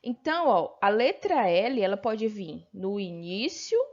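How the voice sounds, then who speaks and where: A Brazilian woman teacher with a patient manner, slowly explaining a textbook lesson and checking in with her pupils. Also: medium pitch, very animated, darkish tone, muffled recording. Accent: Brazilian Portuguese. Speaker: primary school teacher.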